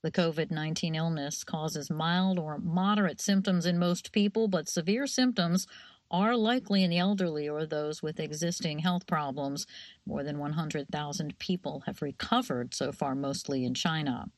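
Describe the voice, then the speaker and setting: News anchor lady, low-ish voice, dead dry studio, steady measured read. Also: no room sound. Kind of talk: scripted news reading. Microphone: studio mic.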